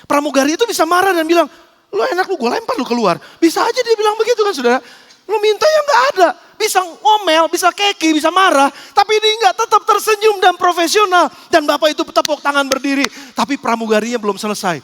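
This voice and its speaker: A male pastor delivers a sermon with an unusually high voice, spinning a lively story and turning often to the congregation. His voice rings through a church hall with long reverb. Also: fast talker.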